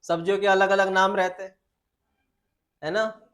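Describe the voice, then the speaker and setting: High-voiced biology teacher lecturing students. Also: male voice, little pitch movement, fairly bright tone. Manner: informal, addresses students as beta, asks and answers own questions; reads textbook lines slowly in English. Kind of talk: classroom lecture.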